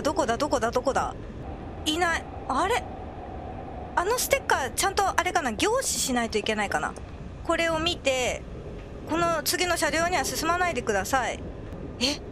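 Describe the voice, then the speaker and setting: A woman commentating on a horror game as she plays, excitable and prone to crying out when scared. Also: high-pitched, background noise. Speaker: video game player.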